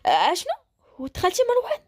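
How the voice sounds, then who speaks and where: A bubbly, cheeky young woman with a Moroccan accent, as a woman storyteller puts her on, high and quick as she teases. She rattles along playfully, in a spoken storybook. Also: big pitch swings, dry recording, clean studio sound. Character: bubbly teasing young woman, rookie cop.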